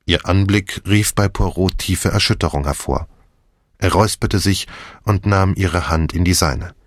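Male audiobook narrator, low voice, measured delivery, dry studio sound. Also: dry recording. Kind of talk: scripted narration.

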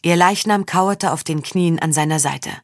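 A woman reading a historical novel aloud with steady, measured narration. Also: on the low side, no echo, studio quality. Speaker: audiobook narrator. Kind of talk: scripted narration.

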